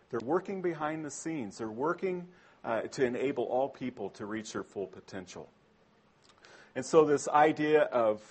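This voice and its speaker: A man's voice: mid-range voice, slightly rough. A man preaching a sermon to a congregation in a conversational way, often asking them questions.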